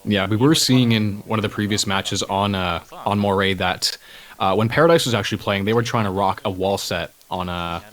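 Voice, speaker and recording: Lower-voiced relaxed esports co-caster. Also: male voice, brisk. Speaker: esports co-commentator. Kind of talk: live esports commentary.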